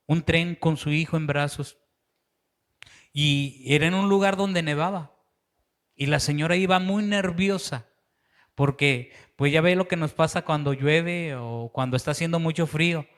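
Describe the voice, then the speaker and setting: Mexican male pastor, earnest sermon delivery, slightly high pitch, acts out story voices. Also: normal speed, clear, resonant tone.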